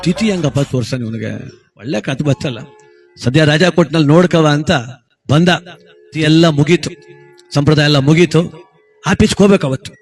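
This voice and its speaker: A man's voice: a little high, moderate pace, long pauses, soft background music. A man telling a folk tale with chatty, amused asides. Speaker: storyteller.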